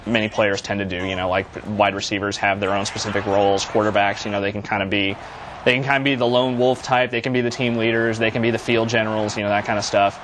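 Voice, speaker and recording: Stammering, low-pitched male game reviewer. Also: flat delivery, quick pace, fairly bright tone, a little hiss or hum. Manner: rambling, many restarts and stammered repeats. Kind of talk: casual live broadcast chat.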